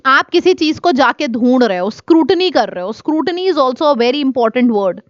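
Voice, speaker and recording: A woman teaching exam vocabulary, listing synonyms and antonyms in quick drilling runs. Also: sits high, expressive, dry recording, lo-fi sound. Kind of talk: exam-prep vocabulary lesson.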